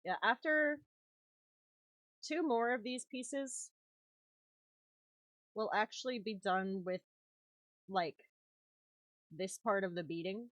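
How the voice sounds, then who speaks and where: A woman's voice: medium pitch, slow, pauses often, a bit bright, dry recording. A woman chatting casually on a live stream while crafting, swearing freely and laughing often. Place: home craft room.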